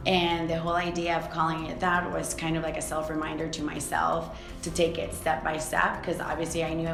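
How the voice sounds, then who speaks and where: A young adult woman from Costa Rica talks candidly about her life in a documentary interview, pausing often and filling the gaps with "like" and "um." Her voice sits fairly low, and the room around her is echoey, with clear music playing under the interview. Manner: reflective, candid, many fillers. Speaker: swimwear founder.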